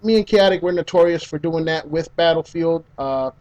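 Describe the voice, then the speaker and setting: A man's voice: fairly high pitch, moderate pace, a little mellow. A man co-hosting a gaming podcast, laid-back and teasing, swearing casually as he chats. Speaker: podcast co-host. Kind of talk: casual chat.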